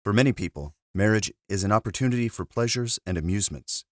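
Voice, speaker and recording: Man, very deep voice, dry close sound, monk, measured earnest reading. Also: animated, dry recording. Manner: measured, earnest reading with a quiet, offhand intro. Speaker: monk reading a spiritual text aloud. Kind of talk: casual spoken intro, then reading a spiritual book aloud.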